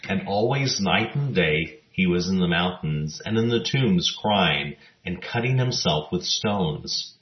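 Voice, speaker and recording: A man with a very low voice delivers scripted Bible teaching at an unhurried pace. He reads the scripture passages in a measured, even manner. The sound is roomy and a little muffled. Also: faint music behind. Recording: roomy, dull lo-fi recording.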